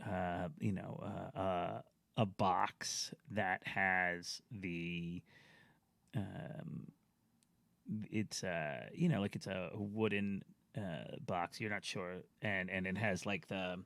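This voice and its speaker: A man running a tabletop role-playing game as game master, narrating haltingly with many fillers. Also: deep voice, steady tone, creaky, a bit bright, no room sound.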